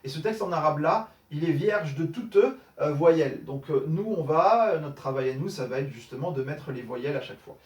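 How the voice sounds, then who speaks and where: Recorded from a distance in an echoey room, this man has a fairly high, expressive voice and talks at a normal speed with hardly any pauses. He teaches Arabic grammar in French, working through exercise corrections step by step, with many fillers and frequent comprehension checks.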